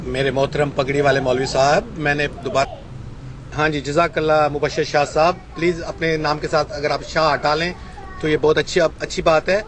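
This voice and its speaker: A man's voice: a little high, flat delivery, fairly bright tone. A man sending a voice message while driving, polite in tone but mocking, repeatedly saying please. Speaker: Ahmadi missionary debater. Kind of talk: voice-message debate. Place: in a moving car, driving.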